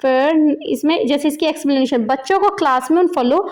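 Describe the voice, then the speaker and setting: A woman, patiently explaining a children's textbook lesson as a teacher. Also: high-pitched. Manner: slow, patient word-by-word explaining.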